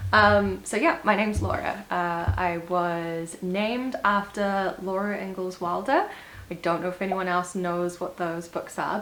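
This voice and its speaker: Chatty New Zealand woman, slightly low voice. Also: a bit bright, a little hiss or hum, low-quality recording. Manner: chatty and upbeat, with little laughs and fillers. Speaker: vlogger. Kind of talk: casual get-to-know-me vlog. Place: indoors at home, seated. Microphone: small clip-on mic.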